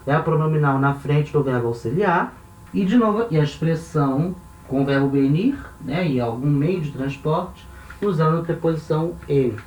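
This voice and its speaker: A man's voice: fairly high pitch, expressive, moderate pace, darkish tone, roomy sound, recorded from a distance. A man with a Brazilian Portuguese accent teaching grammar patiently, often checking in with tag questions. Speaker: language teacher. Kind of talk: explaining grammar.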